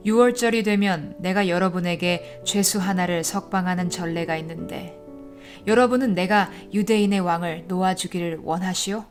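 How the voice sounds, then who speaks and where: A woman's voice: on the low side, moderate pace, close to an everyday voice. Woman doing firm, uneasy governor, raised questioning voice, scripture drama, faint music under. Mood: stern. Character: stern, uneasy male Roman governor. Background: soft instrumental music.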